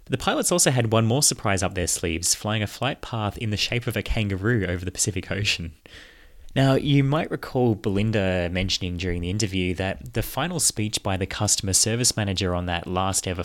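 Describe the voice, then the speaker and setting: A man's voice: on the low side, lively intonation, fairly quick. A man hosting a show, delivering scripted narration. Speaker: podcast host.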